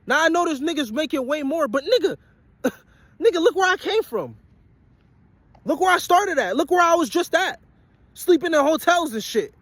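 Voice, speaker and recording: This vlogger and hopeful musician in his twenties has a very high, expressive, fairly bright voice, speaking at normal speed with long pauses in a dry recording. Following a long work shift, he gives his viewers a blunt, profane motivational rant, hammering the same points home repeatedly.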